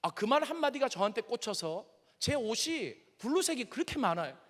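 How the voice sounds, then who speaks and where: A Korean pastor in his fifties from Seoul preaches in an animated, conversational way, telling personal stories and speaking straight to his audience. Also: extremely high pitch, fairly quick. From Seoul, South Korea. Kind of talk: sermon lecture with personal stories. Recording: long reverb of a large hall.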